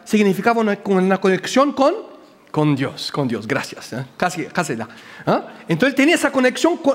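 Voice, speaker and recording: Animated preacher, non-native Spanish speaker. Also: male voice, high-pitched, long reverb tail. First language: not Spanish. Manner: animated, asks the audience questions, hesitant with word searches. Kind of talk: sermon, Bible teaching.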